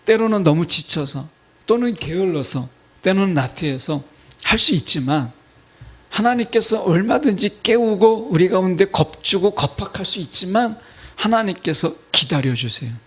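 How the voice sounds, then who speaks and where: A man's voice: high-pitched, husky. A man in his fifties preaching a sermon to a congregation. He keeps putting rhetorical questions to his listeners. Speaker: pastor. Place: church sanctuary.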